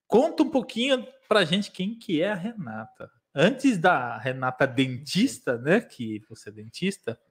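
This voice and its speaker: A man's voice: on the high side, sing-song, a little slow, few pauses, husky. A man with a Brazilian accent hosting an interview, introducing the guest with flair and asking questions. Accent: Brazilian Portuguese. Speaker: host. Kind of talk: podcast hosting.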